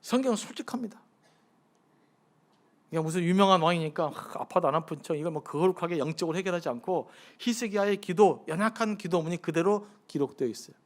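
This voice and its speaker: A man's voice: high voice, lively intonation, fast talker. A male pastor preaching a sermon at a midweek prayer service, talking conversationally and asking his congregation many questions. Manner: acts out pleading prayers in a hushed, softened voice.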